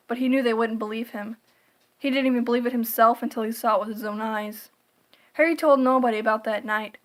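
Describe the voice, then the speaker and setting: A woman narrates a scripted scary story with measured, theatrical delivery typical of creepypasta readings. Her voice is on the higher side.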